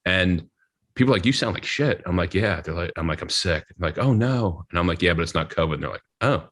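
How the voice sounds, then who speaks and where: A man's voice: low voice, expressive, fast, fairly bright tone. A man co-hosting a podcast, telling rambling, self-mocking stories in casual chat and acting out what other people said. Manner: rambling, self-mocking storyteller who acts out others' lines. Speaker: podcast co-host.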